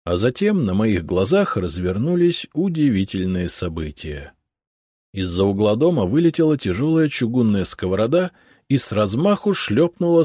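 Low husky male audiobook narrator. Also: a little mellow, no room sound, clean studio sound. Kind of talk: scripted first-person narration.

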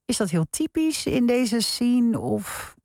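A woman hosting a late-night radio interview in a studio, asking her guest questions in a conversational, gently probing way. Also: fairly high pitch, sing-song, takes it slowly, no echo. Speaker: radio host. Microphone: studio microphone.

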